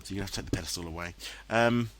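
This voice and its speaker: A man's voice: low-pitched, rapid-fire, background noise. Chatty, self-mocking English man narrating gameplay. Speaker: let's play commentator. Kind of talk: casual game commentary. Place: home room, voice-over recorded later. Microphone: headset, dubbed in post-production.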